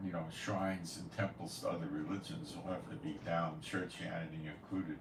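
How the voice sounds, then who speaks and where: A low, level male voice at normal speed belongs to a prophecy commentary host who rambles casually, bluntly scoffing and voicing strong opinions. Echo, faint noise and distance from the microphone color the recording.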